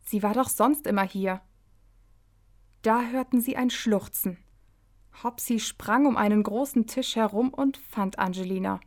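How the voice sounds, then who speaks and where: A woman reading her own children's story aloud on the radio, slow and measured. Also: mid-range voice, a little mellow.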